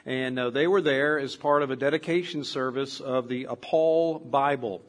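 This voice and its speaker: A man's voice: medium pitch, moderate pace. An older man preaching as a pastor, telling stories in a rambling, conversational way. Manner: rambling, with many fillers and restarts; storytelling, conversational. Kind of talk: sermon.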